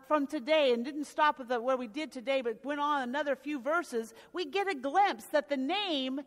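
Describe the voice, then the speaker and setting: A woman's voice: high-pitched, a bit bright. A woman pastor preaching a sermon, telling a gospel story with a few restarts along the way. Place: church sanctuary. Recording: reverberant church sanctuary.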